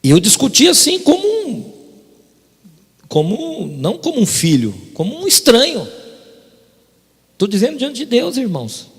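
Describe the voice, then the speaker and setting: Emphatic pastor in an echoing church. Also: male voice, extremely high pitch, wildly swooping pitch, a little slow, pauses often, husky. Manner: emphatic, repeatedly addressing the congregation. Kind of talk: sermon testimony. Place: church sanctuary. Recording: reverberant church hall.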